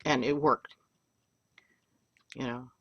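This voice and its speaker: A woman's voice: extremely low pitch, fairly even intonation, slow, fairly bright tone, husky, dry recording, dull audio. An older woman teaching a polymer clay craft on a webcam, chatty and rambling, with self-deprecating jokes along the way.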